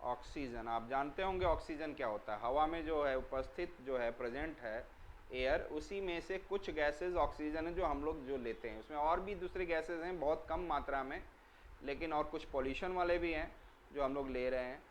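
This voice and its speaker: A man's voice: fairly high pitch, slight background noise, rough recording. Man teaching children, spelling words out. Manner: repeats key words as questions to the class and answers them himself; spells words out slowly letter by letter. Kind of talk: explanatory lesson for children.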